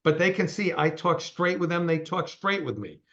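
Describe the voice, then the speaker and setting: A man's voice: on the high side, very animated, normal speed, fairly bright tone, dull audio. A man in his sixties, a company CEO, giving a straight-talking, emphatic interview over a call. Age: 60s.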